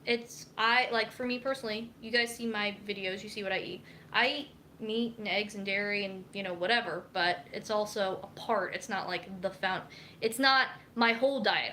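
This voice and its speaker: A woman's voice: mid-range voice, fairly even intonation, normal speed, sharp tone, a little hiss or hum. A young woman, a dietitian, chatting casually on a live cooking stream, reading viewer comments aloud as she chops vegetables in her kitchen. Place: home kitchen.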